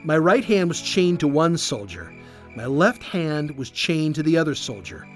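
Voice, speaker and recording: A storyteller voicing a calm, earnest man telling of his escape in a children's storybook. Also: on the high side, measured pace, faint music behind. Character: calm male apostle, gentle and earnest.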